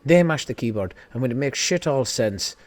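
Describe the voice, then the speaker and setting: Guy doing a smug irish exec voice, talks down to you, a bit higher than his own. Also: lively intonation, normal speed, natural voice. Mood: condescending. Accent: put-on Irish. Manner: condescending, calls listener "lad" and "boy". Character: smug Irish male studio executive, dismissive.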